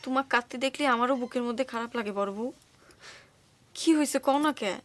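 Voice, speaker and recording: An actress playing a gentle young village woman in a TV drama. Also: fairly high pitch, fast talker, natural voice. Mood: pleading. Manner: pleading, gentle. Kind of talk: television drama acting.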